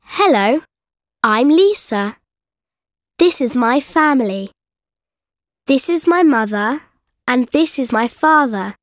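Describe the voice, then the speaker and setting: A woman voicing a young girl character, reading a simple course-book text slowly with clear, careful diction. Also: sits high, no echo, studio quality. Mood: cheerful. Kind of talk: slow scripted textbook reading.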